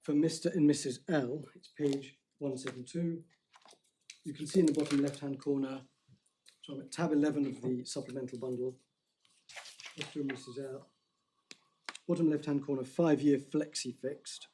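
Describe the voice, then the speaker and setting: A man's voice: medium pitch, fairly even intonation, normal speed, pauses often, mellow, slight background noise, rough recording. A man, a barrister making a careful legal submission in court, stressing key words and restarting phrases.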